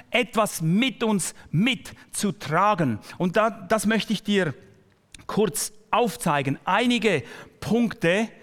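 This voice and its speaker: A male pastor delivering a sermon to his congregation, speaking directly and personally to the listener, often slowing down and dropping almost to a whisper for emphasis. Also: high voice, a bit bright, long reverb tail.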